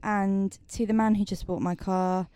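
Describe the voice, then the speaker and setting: A woman's voice: medium pitch, fairly even intonation, measured pace, warm tone, clean tone. Dramatic woman podcasting. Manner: dramatic, self-mocking storyteller. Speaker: podcast co-host, musician. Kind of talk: casual chat.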